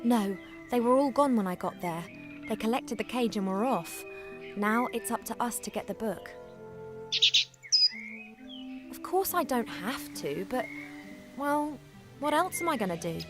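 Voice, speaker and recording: Actress as young female elf adventurer, spirited, chatty, fairly high voice, video game, background music. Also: lively intonation, normal speed, natural voice. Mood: determined. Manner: spirited, talking to herself and her bird. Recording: music under the voice.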